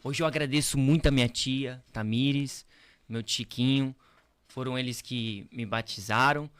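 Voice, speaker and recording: A man's voice: mid-range voice, steady tone, unhurried, fairly bright tone, smooth. A young Brazilian man, a pastor, telling his faith story in an earnest, repetitive way full of tag questions. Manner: earnest, repeats phrases, frequent tag questions. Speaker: pastor, podcast guest. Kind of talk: casual testimony chat.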